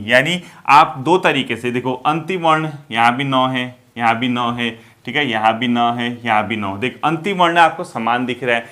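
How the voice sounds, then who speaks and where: A man teaching an exam-prep grammar lesson, explaining step by step, asking and answering his own questions, and slowing down to read example verses. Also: mid-range voice, sharp tone. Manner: drawn-out, slowed reading of example verses.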